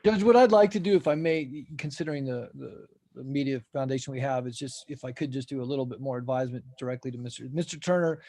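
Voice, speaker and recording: Careful defense lawyer, mellow voice. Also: male voice, mid-range voice, fast. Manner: formal, careful, deferential. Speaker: defense attorney. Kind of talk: virtual court hearing. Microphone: video call.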